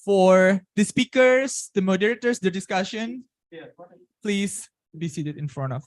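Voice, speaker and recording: A woman with an Indonesian accent speaks slowly in a dry, close sound as she hosts a webinar. She gives polite instructions to participants, halting now and then as she goes. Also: medium pitch, no echo. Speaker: webinar host. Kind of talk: event announcements to participants.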